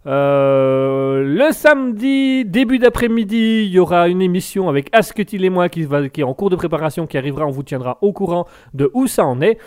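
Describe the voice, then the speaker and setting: A man's voice: sits high, animated, brisk, few pauses, clear, resonant tone. Jokey, rambling man hosting a live show. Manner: jokey and rambling, with many restarts. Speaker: live stream host. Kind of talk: casual live chat reading viewer messages.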